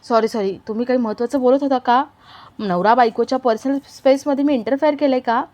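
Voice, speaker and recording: A woman's voice: fairly high pitch, fast, a little mellow, no room sound, natural voice. Jovial older uncle, as a woman reads him. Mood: joking.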